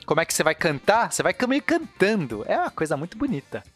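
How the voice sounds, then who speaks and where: A man's voice: sits high, wildly swooping pitch, quick pace, a bit bright, breathy edge, faint music behind. A man with a Brazilian accent explaining poetry in a casual podcast chat, eager and full of restarts. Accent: Brazilian Portuguese.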